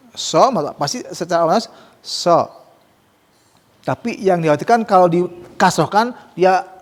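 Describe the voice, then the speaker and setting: A man teaching Quran recitation rules to students, explaining casually and modelling slow, drawn-out recitation. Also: on the high side, long reverb tail. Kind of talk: tajwid lesson with students.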